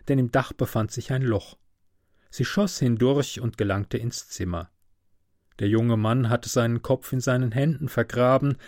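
Calm guy reading a fairy tale real slow, dry close sound. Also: medium pitch, no echo. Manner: calm, unhurried. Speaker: storyteller.

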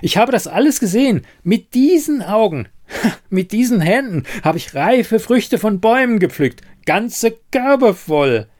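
A man voicing an excitable young village man who insists, eagerly and breathlessly, on what he has seen. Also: sits high, measured pace, voice pushed up, exaggerated voice. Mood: insistent.

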